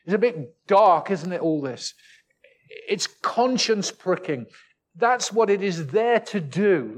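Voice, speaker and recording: A man preaching a sermon, earnest and full of rhetorical tag questions, slowing and dropping his voice to stress key words. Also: sits high, darkish tone.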